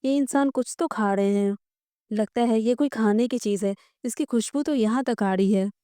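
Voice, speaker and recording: A woman's voice: fairly high pitch, moderate pace, dark tone, no echo, studio quality, close to an everyday voice. A woman voicing a proud young male snake guardian in human form who is brash and easily offended.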